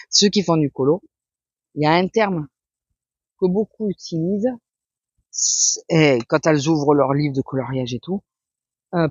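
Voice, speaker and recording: A woman's voice: low voice, husky, no echo. A woman vlogger rambling casually and explaining crafts, with many fillers and restarts. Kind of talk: casual chat. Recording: dull lo-fi sound.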